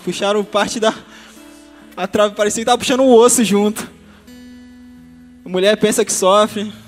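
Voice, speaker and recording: A young man with a very high voice tells a church testimony in a lively, humorous way, often calling out to the congregation. His voice rings with the long reverb of a church hall, and soft guitar music plays behind him. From Brazil. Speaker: testimony speaker.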